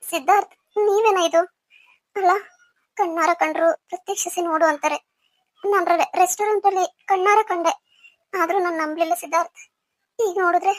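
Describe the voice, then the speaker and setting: A woman's voice: extremely high pitch, dry recording. A woman playing a hurt young wife who speaks in a pleading, emotional way.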